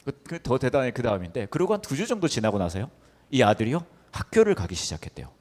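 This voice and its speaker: Male pastor, storytelling, animated pitch, playful act-outs, long hall reverb. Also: quick pace. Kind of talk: storytelling talk.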